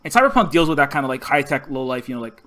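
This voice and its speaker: A man from Hawaii hosting a podcast in casual chat, talking in a halting, rambling way with many restarts. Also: medium pitch, very animated, fairly bright tone. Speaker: podcast host.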